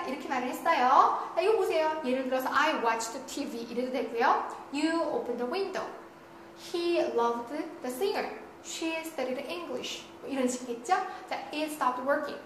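A woman's voice: high voice, a bit bright. A woman giving a recorded online grammar lecture. She keeps saying "자" and asks questions that she then answers herself. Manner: repeats "자" often, asks and answers her own questions. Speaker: English grammar teacher. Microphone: studio lecture recording. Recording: very echoey room with faint noise.

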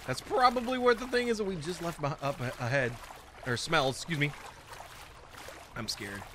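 Brief: young male gaming host, jokey, reactive, slightly raised pitch. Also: fast talker, background noise. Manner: excitable, jokey, exclaims often. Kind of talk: let's play commentary.

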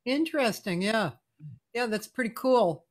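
A woman in her sixties hosts a casual video-call interview from her home music room, her voice on the high side, animated and at a measured pace. She's effusive and often hunts for words, and she's recorded on a studio mic over the call.

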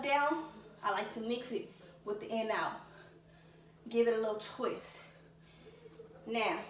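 A woman's voice: fairly high pitch, a little hiss or hum. A young woman teaching a dance tutorial, chatty and a bit out of breath, counting moves aloud and calling her viewers y'all. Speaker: dance instructor. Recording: echoey room, distant from mic.

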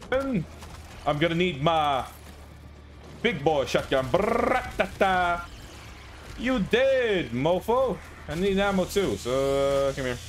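Excitable, foul-mouthed male gamer. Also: fairly high pitch, unhurried, long pauses, noisy background. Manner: excitable, profane, laughs and yelps. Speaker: gaming channel host. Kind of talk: let's play gameplay commentary.

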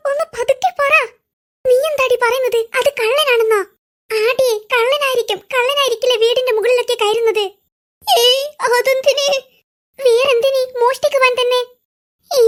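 Squeaky bickering cartoon kids. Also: female voice. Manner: quick bickering banter in squeaky voices. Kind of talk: comic cartoon voice acting.

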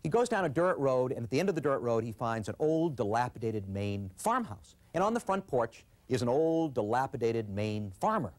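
A man teaching a management course, lecturing and telling stories in an animated way. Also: mid-range voice, normal speed, few pauses. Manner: animated storyteller. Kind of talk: scripted lecture with storytelling.

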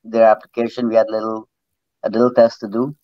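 A man's voice: lowish voice, little pitch movement, quick pace, no room sound. Middle-aged man rambling through a life story. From Trinidad, grew up in Guyana. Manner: rambling, repeats words while recounting. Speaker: guest, former jockey. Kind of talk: casual storytelling on a video call. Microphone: video call. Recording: slightly dull video call audio.

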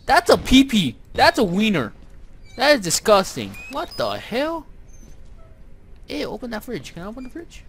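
A man's voice: high voice, wildly swooping pitch, normal speed, long pauses, a bit bright, a little hiss or hum. A young man giving let's-play commentary on a horror game, jumpy and swearing, with nervous laughs. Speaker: gamer playing a horror game. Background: game music.

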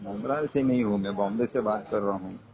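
A man on a phone call, calmly and insistently explaining himself at length. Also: on the low side, rapid-fire, crowd noise. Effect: heard over a phone line. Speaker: caller, former company employee. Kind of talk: casual phone conversation. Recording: muffled phone call recording.

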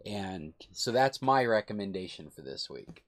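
A man's voice: lowish voice, sing-song, moderate pace, fairly bright tone. Older man, club host, video call, rambling, enthusiastic, self-correcting. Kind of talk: casual recommendation chat.

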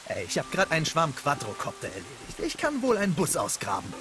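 Cocky rebellious young man, lightly high voice, lively swoops, slangy, defiant, video game hero, music behind. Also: brisk, background noise. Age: young adult. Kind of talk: German video game voice acting.

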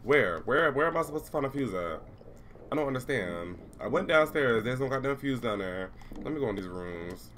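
A man's voice: mid-range voice, expressive, brisk, a little hiss or hum. A man giving casual, sassy gameplay commentary, swearing freely and calling everyone girl. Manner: loud, profane, sassy, calls everyone girl. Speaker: gaming YouTuber. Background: loud game music.

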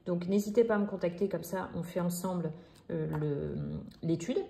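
A middle-aged woman giving a casual, chatty product demonstration in her home kitchen, pausing often with fillers. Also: fairly low pitch, creaky, mellow. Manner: chatty, hesitant with frequent fillers. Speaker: cooking vlogger demonstrating a product.

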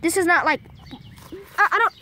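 Out in a backyard with birds chirping faintly, a young woman films a casual nature vlog on her handheld phone. Her very high voice sounds pushed and bright at a normal speed, and she rambles hesitantly, full of "like" and "I mean." A little hiss or hum runs under the recording.

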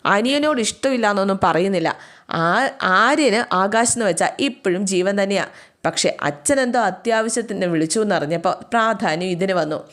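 A woman's voice: medium pitch, lively intonation, normal speed, fairly bright tone, natural voice. An angry young woman scolds her parents with firm, reproachful insistence. A woman narrator voices her in a retold story. The delivery stays close to an everyday talking voice.

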